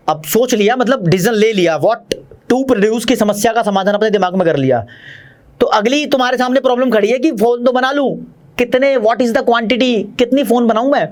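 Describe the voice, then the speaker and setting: A man with an Indian accent teaching commerce in a fast, chatty online lecture, talking straight to his students. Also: high voice.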